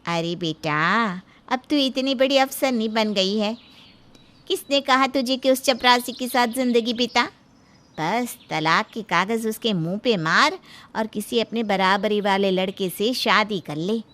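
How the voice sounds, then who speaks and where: A woman voicing a scheming mother who coaxes her daughter in a slow, conniving way. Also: fairly high pitch, a bit bright. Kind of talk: Hindi storybook voice acting.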